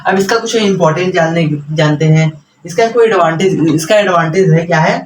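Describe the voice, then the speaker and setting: A man's voice: a little high, a little fast, a little hiss or hum, low-quality recording. A young man teaching a class in a chatty, lecturing way, mixing English words into his explanations.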